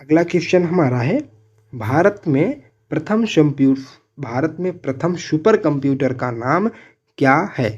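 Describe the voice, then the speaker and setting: A man's voice: on the high side, animated, unhurried, slightly rough, muffled recording. Man drilling quiz answers, repeating each twice. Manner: asks each question, then repeats the answer several times; addresses viewers as friends. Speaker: exam coaching teacher. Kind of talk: quiz-style exam prep lesson.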